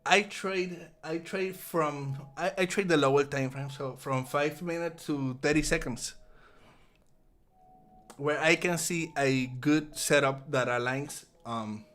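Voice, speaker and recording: A man's voice: a little high, slow pace, a bit bright. A man from Puerto Rico with a Puerto Rican accent, giving casual live trading commentary and often repeating words as he thinks aloud. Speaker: trader hosting a live trading stream.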